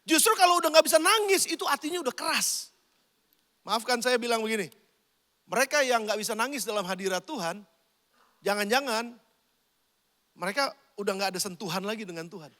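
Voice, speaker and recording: A man's voice: very high-pitched, lively intonation, fairly quick, long pauses, pushed and bright, in a large hall. A man preaching a sermon as pastor, talking conversationally and addressing the congregation directly. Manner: conversational preaching, addresses listeners as brothers and sisters.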